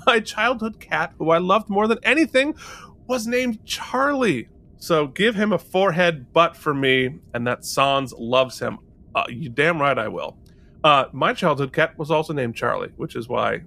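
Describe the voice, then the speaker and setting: Lively, bright-voiced jokey man. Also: on the high side, vocal fry. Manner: animated and jokey, laughing often. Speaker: podcast co-host. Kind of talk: casual chat.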